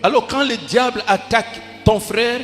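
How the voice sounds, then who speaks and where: High-voiced man preaching in short phrases. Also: normal speed, fairly bright tone, in a large hall. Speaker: pastor. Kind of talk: sermon with live interpretation.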